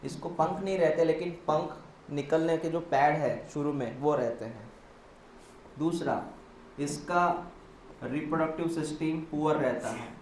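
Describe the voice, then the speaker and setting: A man's voice: fairly high pitch, a little slow, darkish tone, echoey room, a little hiss or hum, poor audio. A male biology teacher lecturing a class in Hindi mixed with English terms, quizzing students step by step, spelling words out and answering his own questions.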